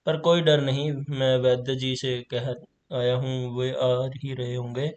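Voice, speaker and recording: A man's voice: medium pitch, flat delivery, unhurried, lightly acted. A man reading the lines of a talkative, reassuring older neighbour. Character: chatty older male neighbour.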